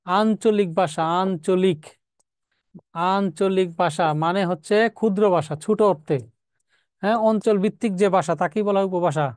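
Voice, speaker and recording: A man teaching a live grammar lesson, his voice high and smooth. He works through exam questions step by step, repeating key words and asking rhetorical questions. The sound is dry and close to the mic. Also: darkish tone, no room sound. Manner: reads out student names and comments.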